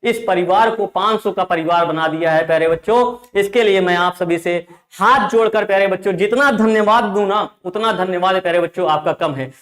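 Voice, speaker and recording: Speaking fairly quickly in a high, somewhat bright voice, a man leads an online class from an echoey room. The tutor is emphatic, says things more than once, and keeps calling the students "dear children".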